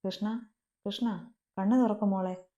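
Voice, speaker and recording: A woman voicing a grieving young husband who pleads softly and anxiously. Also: mid-range voice, steady tone, measured pace, close to an everyday voice. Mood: pleading.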